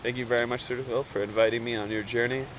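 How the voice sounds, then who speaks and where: A man's voice: medium pitch, flat delivery, fast, a bit bright, a little hiss or hum, rough recording. A man chatting casually outdoors, easygoing and giving friendly advice. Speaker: guest surfer. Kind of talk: casual chat.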